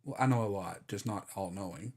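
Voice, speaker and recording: A man voicing a calm, wry woman archmage mentor in a tabletop game. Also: on the low side, a little fast, husky, voice pushed down.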